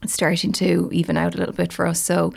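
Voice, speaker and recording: A middle-aged woman with a west of Ireland accent talks in a lowish, creaky voice. She is chatty and self-deprecating, in the relaxed style of a casual interview. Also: fast. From Galway, Ireland. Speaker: podcast guest, beauty writer.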